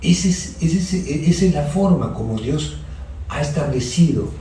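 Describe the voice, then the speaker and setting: A man's voice: on the high side, lively intonation, a little slow, dark tone, slight background noise. A man with a Peruvian Spanish accent, a pastor leading a Bible study in earnest, hesitant speech full of restarts, talking straight to his listeners. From Peru. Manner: earnest, many fillers and restarts, addresses listeners directly. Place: church hall. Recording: echoey room, voice from far off.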